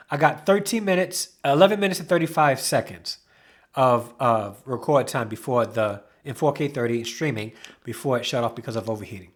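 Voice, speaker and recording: A man giving a casual product review, talking excitably with emphatic repeats and self-corrections. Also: on the high side. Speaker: camera reviewer.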